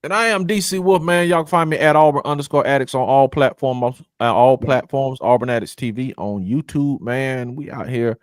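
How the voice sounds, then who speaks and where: Male, mid-pitched voice, dry sound, informal, conversational sports co-host. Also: moderate pace, few pauses, no echo. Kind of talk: casual sports debate chat.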